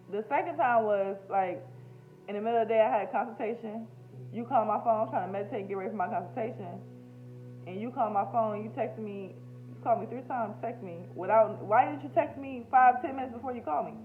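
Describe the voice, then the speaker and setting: A high-ish female voice comes through tinny, narrow audio. She's an American spiritual healer and YouTube host speaking casually and without a script in a personal vlog, candid and emotional, loaded with slang and curse words.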